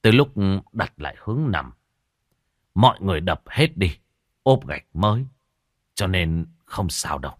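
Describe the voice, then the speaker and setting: A calm, knowing old geomancer speaks slowly in a low voice, as a male narrator acts him out. He lectures with steady authority in a storybook reading. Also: no echo, clean studio sound, heavily acted. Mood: explaining. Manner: slow, lecturing.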